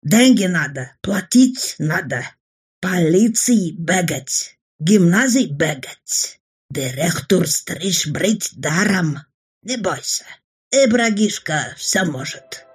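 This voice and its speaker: A woman's voice: lowish voice, lively intonation, slow pace, husky, heavily acted. A woman voicing a fearless, jovial adult mountaineer who speaks in broken phrases. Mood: brisk. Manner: broken speech, bold and jovial. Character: boisterous adult male mountaineer, barber, fearless.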